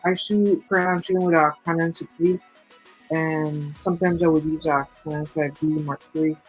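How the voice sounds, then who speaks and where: A man from Belize joins a livestream by call, and his voice comes through muffled, as if from the other side of a wall. His tone is husky and breathy, and the pitch stays flat. He works through each explanation haltingly, one step at a time, while faint music plays underneath. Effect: muffled, as if through a wall, from a covered mic. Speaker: guest photographer. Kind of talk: casual chat on a livestream call. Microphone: remote call mic.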